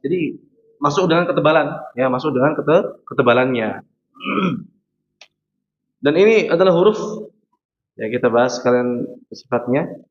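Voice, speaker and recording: A man's voice: mid-range voice, expressive, a little slow, long pauses. A man teaching Quran pronunciation in a mosque class, patiently repeating letter sounds for students to copy. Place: mosque hall. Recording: dull lo-fi recording with faint noise.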